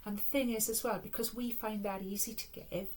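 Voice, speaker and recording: This spiritual reader, a Welsh-accented woman from Wales, rambles earnestly and reflectively in a casual talk to camera. Her medium-pitched voice is a little mellow and a little fast, with fairly even intonation.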